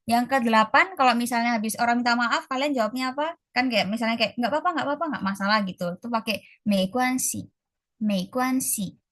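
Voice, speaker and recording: A woman tutoring an online class, chatting casually and stretching out model phrases slowly. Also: a little high, fairly bright tone, no room sound, clean studio sound. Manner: slow, drawn-out model pronunciations; casual, chatty teaching, calls students guys. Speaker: Mandarin tutor. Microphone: video call.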